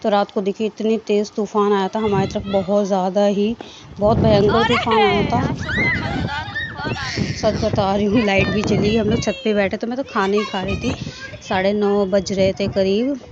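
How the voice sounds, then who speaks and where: A woman's voice: medium pitch, moderate pace, dull audio, very noisy. A woman narrating her daily home vlog in a homely, talkative, rambling way. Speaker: daily vlogger. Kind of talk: casual chatty vlog narration. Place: family home.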